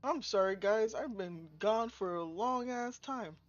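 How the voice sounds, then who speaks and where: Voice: medium pitch, unhurried, highs cut off, faint music behind. A game streamer chatting casually on a live stream, stuffed and sleepy after eating, rambling and laughing often.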